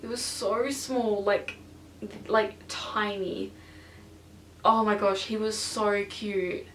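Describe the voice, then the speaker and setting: A teenage girl chatting to camera for her vlog, excitable and full of fillers, filmed on a stationary camera in her bedroom. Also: medium pitch, slow, slight background noise. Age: teens. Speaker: vlogger. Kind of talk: casual chat to camera. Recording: roomy and distant from the camera.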